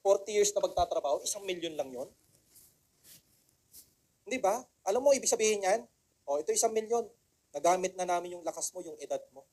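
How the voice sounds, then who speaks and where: A man's voice: sits high, darkish tone. A man giving a motivational seminar talk to an audience, rhetorical and coaxing, repeating key phrases and asking for agreement. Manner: mixes English phrases into the talk. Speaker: motivational speaker.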